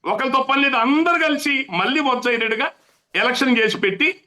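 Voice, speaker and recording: A man with a very high, piercing voice argues his case in a heated interview. He is impassioned and emphatic and hammers home his points by repeating them. His tone is sharp and forceful. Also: expressive, fairly quick. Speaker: interview guest, political activist.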